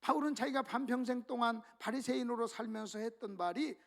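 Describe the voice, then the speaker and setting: A man with a strikingly high voice delivers a sermon as pastor. He keeps asking rhetorical questions and turning to the congregation, rising into loud emphasis and then dropping down low and quiet. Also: brisk, vocal fry. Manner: preaches with rhetorical questions, often addressing the congregation directly; swings between loud emphatic passages and low, quiet ones.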